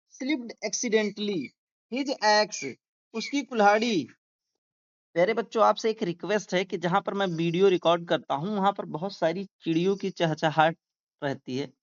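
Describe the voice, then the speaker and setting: A man teaching a class, reading each English line slowly and explaining it word by word, often checking with a quick question tag. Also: high voice, dull audio.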